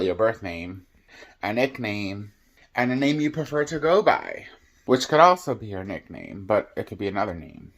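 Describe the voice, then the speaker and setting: A man with a mid-range voice talks to camera in a casual monologue. He sounds earnest and reflective, loose and conversational, with fillers scattered through. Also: mid-range voice. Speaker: vlogger.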